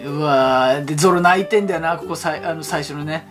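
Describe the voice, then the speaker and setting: A man hosting a fan channel, giving excited reaction commentary and talking in an excitable, rapid-fire way. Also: a little high, over music. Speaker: YouTube fan channel host.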